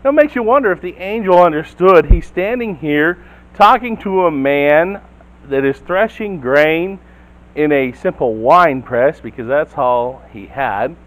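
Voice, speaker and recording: A man's voice: a little high, expressive, measured pace, low-quality recording. A man preaching a sermon as the church's pastor, telling a Bible story and putting questions to the congregation. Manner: storytelling, acts out quotes, asks the listeners questions.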